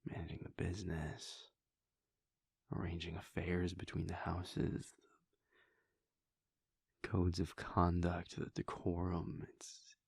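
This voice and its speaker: A man plays a brooding, world-weary vampire prince for an intimate audio roleplay, whispering low and huskily as he confides in a gentle monologue. It is heavily acted and recorded in studio quality with no room sound.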